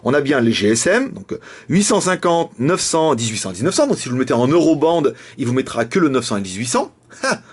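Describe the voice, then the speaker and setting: Husky, animated male phone reviewer. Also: medium pitch, quick pace. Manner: jokey, chatty, laughs often. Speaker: tech reviewer. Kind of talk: casual product review.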